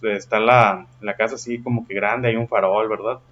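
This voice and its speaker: A man's voice: on the low side, steady tone, normal speed, a bit bright, a little hiss or hum. A man teaching a lesson patiently and often checking in with his listeners, in a slightly dull recording. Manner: patient, checks in with frequent questions. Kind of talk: explaining a lesson.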